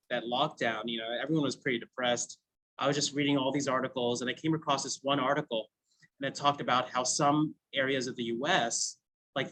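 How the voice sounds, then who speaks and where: This man in his thirties, a US food brand founder, shares his story with a class as relaxed storytelling, peppered with laughter and fillers such as "you know." His voice is mid-range with a fairly bright tone, captured on a rough recording.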